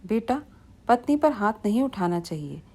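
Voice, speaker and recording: A woman's voice: fairly high pitch, very animated, moderate pace, a little mellow. A woman voicing a meek, unwell older mother-in-law who speaks hesitantly in a family storybook tale. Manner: hesitant, pleading. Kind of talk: storybook reading.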